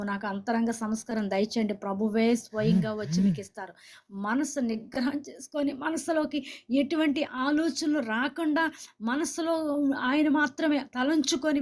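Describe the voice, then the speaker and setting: A woman preaching a sermon, urging her listeners to say amen and speaking straight to viewers. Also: a little high. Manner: exhorting, asks listeners to say amen; speaks directly to viewers and comments.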